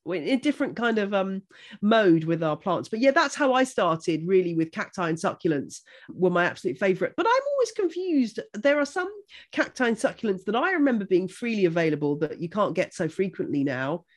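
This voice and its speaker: A middle-aged woman from Buckinghamshire with a Home Counties accent, chatting informatively and enthusiastically about her expertise in an animated, emphatic way. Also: mid-range voice, brisk. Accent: English Home Counties. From Buckinghamshire, England. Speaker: houseplant expert and author.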